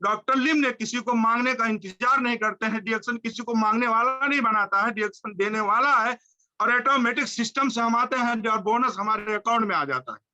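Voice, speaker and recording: A man giving a fervent, high-energy motivational speech, repeating phrases in a driving rhythm. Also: brisk, sharp tone, lo-fi sound. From India. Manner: fervent, repetitive chanting phrases. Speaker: motivational speaker.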